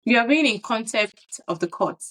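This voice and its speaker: A woman's voice: fairly high pitch, animated, normal speed, fairly bright tone, rough recording. A woman hosting a casual podcast, playing a judge in a mock courtroom with a playful, mock-formal way of talking and frequent laughs.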